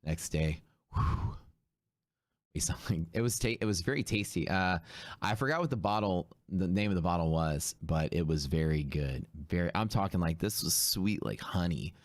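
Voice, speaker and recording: A man's voice: deep voice, animated, moderate pace, no echo. A hungover man chatting casually and in laid-back slang as he hosts a livestream. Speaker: host of a live day-trading stream.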